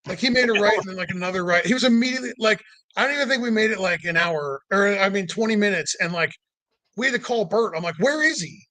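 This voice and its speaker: A man's voice: sits high, fast talker, bright, forceful tone. A man telling a long road-trip story in casual chat, rambling with lots of "like" and acting out the dialogue. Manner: rambling, heavy use of "like"; acts out quoted dialogue. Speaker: podcast guest.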